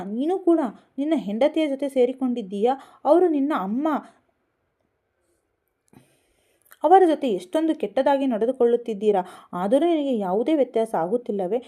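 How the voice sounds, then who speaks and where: An upset grown daughter in a storybook reading, pleading and indignant as she raises her voice higher than usual, as a woman puts her on. Her tone sits mellow and soft-edged. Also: sing-song, moderate pace.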